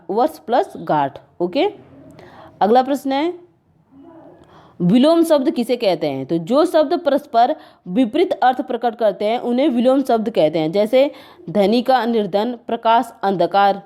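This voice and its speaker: Woman exam tutor, higher-pitched but mellow voice, steady explain-and-repeat delivery. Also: a little slow. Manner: addresses viewers as friends, repeats "okay" between points. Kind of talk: exam answer walkthrough.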